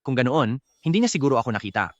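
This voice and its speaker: A man dubbing a rich young CEO hiding his identity, quick and flustered. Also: medium pitch, animated, no room sound, dull audio, natural voice. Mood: nervous. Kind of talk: Filipino dub of a drama.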